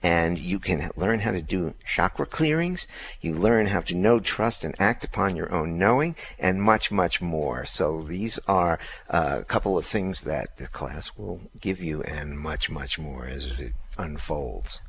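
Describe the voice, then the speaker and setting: A man with a very deep voice co-hosts a call-in radio show. He reads promos and brings on callers in a steady, even delivery, with faint noise behind him. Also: a little slow, creaky. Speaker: radio co-host. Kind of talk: radio announcing.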